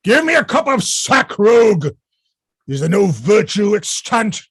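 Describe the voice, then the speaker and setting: An actor reading a fat old rogue knight in a Shakespeare play, grumbling and blustering like a drunkard in a gravelly voice. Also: male voice, fairly high pitch, big pitch swings, slow, a little mellow, no room sound, clean studio sound, full character voice. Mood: bellowing demand. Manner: grumbling drunkard's bluster, swinging from muttering to bellowing.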